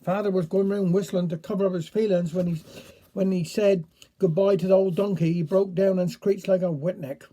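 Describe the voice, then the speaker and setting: A man with a Cornish accent reading a dialect story aloud in a steady storytelling voice. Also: sits high, a little fast.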